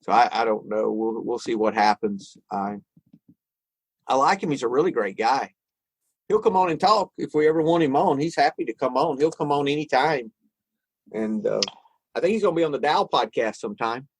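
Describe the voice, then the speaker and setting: On a casual podcast about recovery and spirituality, a male co-host thinks aloud, reflective and often restarting his sentences. His medium-pitched voice is husky and expressive at a normal speed, and the recording is dry.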